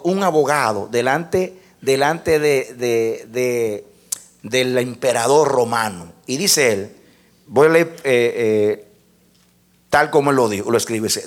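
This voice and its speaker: A male preacher delivering a sermon in a fairly high voice that rises and falls with a lively swing. He moves from soft teaching to loud, fervent exclamations. He punctuates his points with frequent amens and hesitant restarts.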